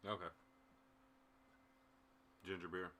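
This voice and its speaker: A man's voice: sits low, little pitch movement, takes it slowly, pushed and bright, a little hiss or hum. A man co-hosting a casual sports chat, playful and tossing out silly ideas. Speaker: podcast co-host.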